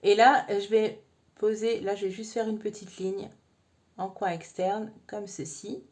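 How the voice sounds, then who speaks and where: A woman's voice: medium pitch, level tone, a little slow, darkish tone. A woman talking the viewer through a makeup tutorial in a chatty, informal way. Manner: chatty, addresses viewer informally with frequent "hein". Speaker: makeup vlogger.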